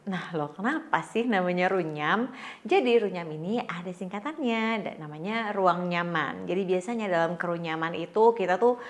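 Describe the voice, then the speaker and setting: A woman's voice: lowish voice, normal speed, slight background noise. A woman hosts a casual podcast interview. She talks informally, drops in English words and often repeats her guest's phrases back as she listens. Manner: echoes guest's words and gives frequent backchannels. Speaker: podcast host.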